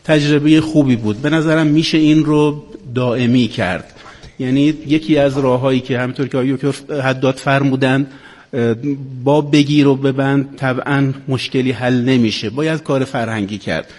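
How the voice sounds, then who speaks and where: A man's voice: mid-range voice, steady tone, darkish tone. Man giving a speech in a reverberant hall. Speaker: guest speaker, scholar. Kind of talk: formal extempore speech.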